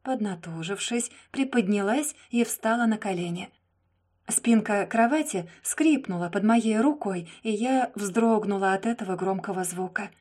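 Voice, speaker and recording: Husky woman narrating an audiobook. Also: medium pitch, unhurried. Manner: soft and subdued, often near a whisper. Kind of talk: first-person audiobook narration.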